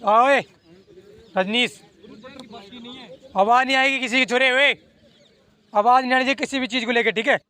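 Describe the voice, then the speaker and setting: A man's voice: extremely high pitch, fairly even intonation, moderate pace, long pauses, clear, resonant tone. A man coaching runners outdoors, calling out lap times and repeatedly urging them to keep going. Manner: repetitive, encouraging shouts. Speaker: running coach. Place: outdoor running ground.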